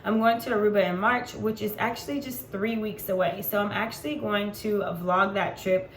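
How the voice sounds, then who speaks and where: A woman in her forties speaks at a normal speed in a steady, mid-range voice while vlogging casually to camera. She comes across as chatty and unfiltered, often saying um. Faint background noise and echo come through in the recording.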